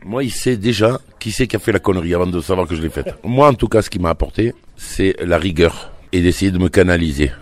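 Un acteur qui raconte des anecdotes de tournage avec entrain et humour, lors d'une interview de promotion. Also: male voice, low voice, fast talker. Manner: animated, jokey storyteller. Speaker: actor. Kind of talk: press junket chat.

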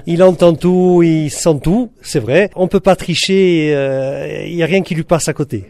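Un acteur qui parle de son travail sur un film, simplement, en hésitant un peu. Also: male voice, on the high side, a little slow, a little mellow, no echo. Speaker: actor. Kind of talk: press interview.

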